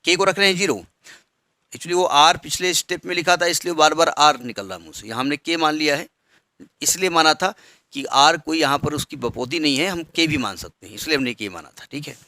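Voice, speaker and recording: A man's voice: a little high, brisk, pushed and bright, dry recording. A man teaching a maths lesson step by step, patiently asking students questions as he works. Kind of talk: blackboard maths lecture.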